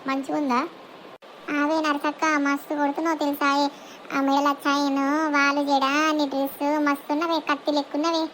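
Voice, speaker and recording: A very high-pitched performer playing an excitable young village woman with a Telangana accent, teasing her friend in quick cartoon chatter. Faint noise hums behind her. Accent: Telangana Telugu.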